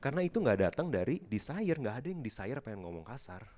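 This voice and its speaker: Animated man preaching a sermon. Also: medium pitch, fast, slight background noise. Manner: animated, mixes English into Indonesian, laughs often. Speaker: pastor. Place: church auditorium.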